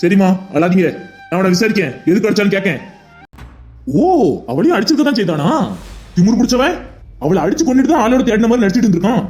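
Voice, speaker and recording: A man's voice: high voice, expressive, quick pace, darkish tone, faint music behind. A man voicing a stern police officer who asks curt questions in a cartoon drama. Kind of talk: Tamil cartoon voice acting.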